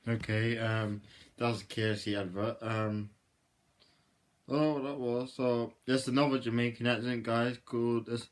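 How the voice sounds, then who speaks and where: A man hosting a casual reaction video, rambling with repeated filler phrases, swearing freely and breaking into sudden loud outbursts. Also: mid-range voice, fairly even intonation, a little slow.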